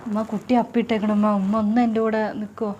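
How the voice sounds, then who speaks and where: A woman's voice: medium pitch, flat delivery, fast talker, a little mellow, highs cut off, lightly acted. A woman playing a meek, hesitant daughter-in-law. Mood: pleading. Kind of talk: comedy sketch acting.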